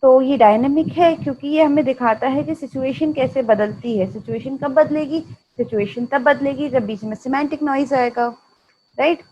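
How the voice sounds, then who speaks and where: A woman's voice: high voice, moderate pace, mellow, muffled recording, a little hiss or hum. A woman with an Indian accent giving an explanatory lecture, mixing in English terms and often checking in with "right?".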